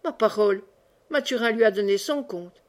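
A woman's voice: mid-range voice, moderate pace, lightly acted. A woman reading the part of a merry, chatty old friar who brawls and banters, in an audiobook. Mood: jovial. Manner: merry, rambling, teasing.

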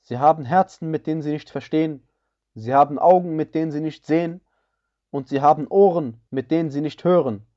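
A man reading a scripture translation aloud in a measured, solemn way, each phrase evenly paced. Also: on the high side, dark tone, highs cut off.

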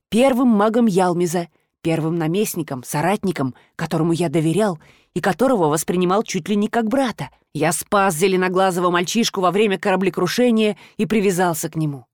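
A woman reading an audiobook, voicing a weary, regretful ancient male god who speaks in a measured, low, tired way. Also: a little mellow, dry recording, clean studio sound, lightly acted. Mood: reminiscing.

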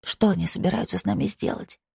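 A narrator voicing a frightened young woman held captive, who speaks tensely and accuses bluntly, with a husky tone in a dry recording. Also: mid-range voice, steady tone, fast talker, a little mellow, no echo, pitched above the performer's own voice, heavily acted.

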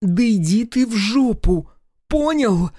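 A man's voice: fairly high pitch, lively intonation, normal speed, mellow, dry recording, studio quality, pitched above the performer's own voice, close to an everyday voice. A man voicing a hot-tempered young woman fighter, snapping and scornful, in an audiobook. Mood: furious. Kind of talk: audiobook character voice.

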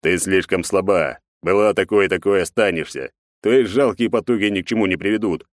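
A man's voice: low-pitched, dry recording, clean studio sound, close to an everyday voice. Man playing a cold, contemptuous emperor. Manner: cold, deliberate, growling.

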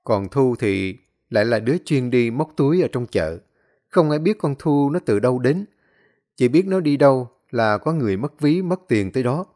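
A man's voice: medium pitch, expressive, normal speed, warm tone. A man narrating a dramatic story expressively, acting out the scenes.

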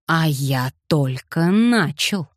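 A woman voicing a bitter, mocking young male aristocrat who speaks in hoarse, sarcastic outbursts. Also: low voice, lively intonation, takes it slowly, no echo, studio quality.

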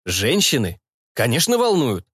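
Defensive, mumbling young detective read by a man in his own voice; lively delivery, dry close sound. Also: mid-range voice, unhurried, slightly rough, no room sound, full character voice. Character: flustered young male detective, evasive son.

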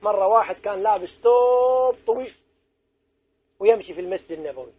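His voice is high, expressive, quick and a little rough as this middle-aged man teaches a religious lesson to youth. He exhorts them earnestly and asks questions, captured on a tinny recording that sounds like a phone.

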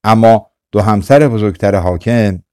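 A man reading a folktale aloud for an audiobook in a calm, measured storytelling manner. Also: lowish voice, clear, resonant tone, dry recording, studio quality. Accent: Persian. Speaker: audiobook narrator. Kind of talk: scripted storytelling narration.

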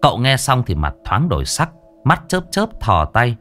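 A man's voice: mid-range voice, wildly swooping pitch, moderate pace, a bit bright, soft background music. A man narrating a ghost story in a vivid, dramatic way with crude slang.

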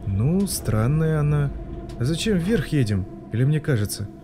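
A man reading an audiobook, voicing a harried young mother who scolds and coaxes her son in quick bursts. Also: fairly high pitch, very animated, noisy background, pitched above the performer's own voice. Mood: coaxing. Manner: scolding, hurried.

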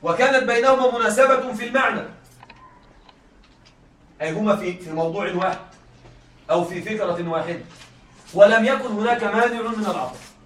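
Male lecturer, high and bright, quizzes the class often, recorded from across an echoey room. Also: far from the mic. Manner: keeps checking students follow, repeats key points; reads examples slowly and deliberately. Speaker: teacher.

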